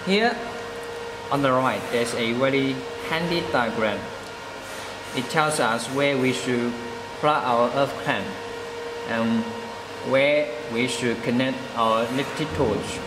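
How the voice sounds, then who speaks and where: A man explaining the settings of a welding machine in a measured, step-by-step voice-over, stressing key words. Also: medium pitch, reverberant, in a large hall, background noise. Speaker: product demonstrator. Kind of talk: product demonstration voice-over.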